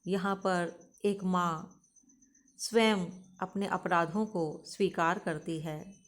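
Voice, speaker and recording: Middle-aged woman teacher going thru a poem for her class, talks real slow and careful, calls the students kids. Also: on the low side, fairly even intonation. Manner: slow, deliberate explanation, addressing students as children. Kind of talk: explaining a poem in a class lecture.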